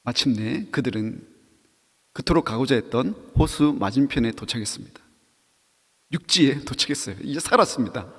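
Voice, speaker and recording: A man's voice: medium pitch, expressive, normal speed, a bit bright, breathy edge, big-room sound. A man preaching a sermon to young adults, telling a story with acted quotes and questions to the audience. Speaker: pastor.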